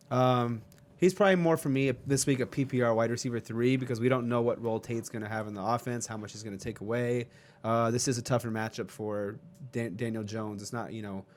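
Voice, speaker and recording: A young man co-hosting a casual fantasy football podcast, chatty and quick to hedge his picks. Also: medium pitch. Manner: quick, chatty, hedging with fillers. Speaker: co-host.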